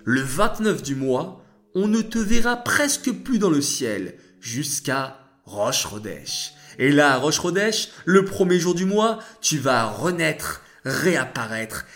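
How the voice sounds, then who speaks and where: A man voicing a kind, patient God who consoles the moon in a children's story, speaking low, slow and reassuring. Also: fairly bright tone, full character voice.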